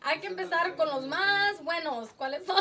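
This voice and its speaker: High-pitched bubbly bilingual woman host. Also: far from the mic. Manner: chatty, mixes Spanish and English, laughs at own jokes. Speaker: show host. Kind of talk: casual live show chat and joke telling.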